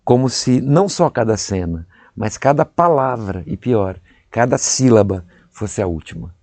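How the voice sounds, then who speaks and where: Animated Brazilian actor telling stories. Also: male voice, mid-range voice, measured pace, dry recording. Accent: Brazilian Portuguese. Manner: animated, acts out voices and stressed syllables. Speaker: actor guest. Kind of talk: interview storytelling.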